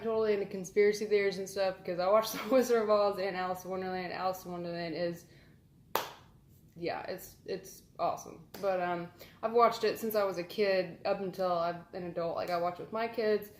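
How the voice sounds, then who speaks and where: A woman's voice: mid-range voice, a little mellow. A woman, chatting casually for her vlog in a rambling, filler-heavy, amused way. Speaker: vlogger. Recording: roomy echo.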